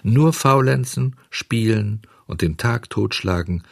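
A man reading a storybook aloud, voicing a kind, solemn little marmot who speaks slowly and soothingly. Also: fairly low pitch, gravelly, no echo, clean studio sound. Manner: slow, soothing, lecturing.

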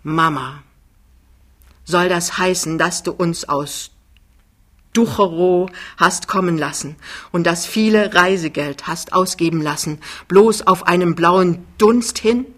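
An anxious young husband, halting yet insistent as his voice climbs, as a woman reads him. The tone is bright and sharp. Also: lowish voice. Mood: upset. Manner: halting, pleading, rising.

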